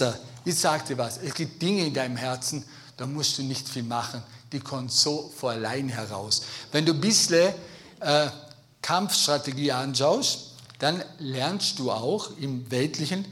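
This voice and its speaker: A man preaching a sermon in a lively, emphatic way, speaking straight to his congregation. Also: fairly high pitch. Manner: lively, emphatic, addresses listeners directly.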